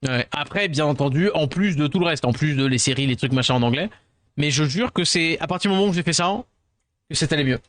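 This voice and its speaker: A man's voice: on the high side, quick pace, fairly bright tone, no echo. A man from France, chatting casually with his viewers as a streamer, rambling and self-deprecating, tired, dropping English words into his talk.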